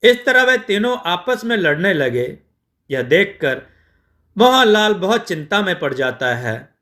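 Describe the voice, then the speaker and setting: A man narrating a moral folk tale in a measured storytelling style. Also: high-pitched, very animated, bright, forceful tone.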